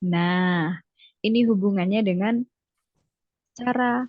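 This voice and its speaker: A woman's voice: medium pitch, takes it slowly, no echo, lo-fi sound. Patient woman tutoring on a video call. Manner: patient, encouraging, mixes English into explanations. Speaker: English tutor. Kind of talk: online one-on-one English lesson.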